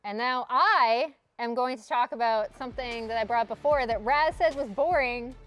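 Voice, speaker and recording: A woman's voice: fairly high pitch, normal speed, fairly bright tone, soft background music. A woman walking viewers through a gameplay replay as an esports desk analyst. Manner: explanatory, walks through replay.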